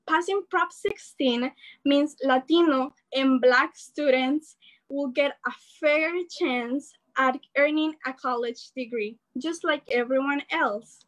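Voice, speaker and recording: A teenage girl from El Salvador, a student organizer giving an earnest, animated rally speech over a video call from her bedroom. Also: high-pitched, rough recording. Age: teens. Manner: earnest, animated, gestures while speaking. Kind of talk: prepared speech. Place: bedroom at home. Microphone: laptop webcam on a video call.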